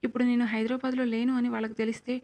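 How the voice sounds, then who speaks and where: A woman voicing a timid young woman who speaks softly and fearfully, pleading, in a storybook reading. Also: a little high, little pitch movement, very fast, lightly acted. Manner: soft, fearful.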